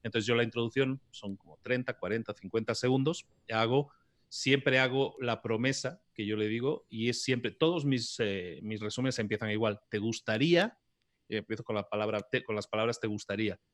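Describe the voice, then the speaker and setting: Guy from talking podcasts, animated and chatty, dry close mic sound. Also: medium pitch, fairly quick, no echo. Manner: animated, explanatory, gesturing while speaking. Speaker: podcast guest. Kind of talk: conversational interview. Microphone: podcast mic on an articulated arm.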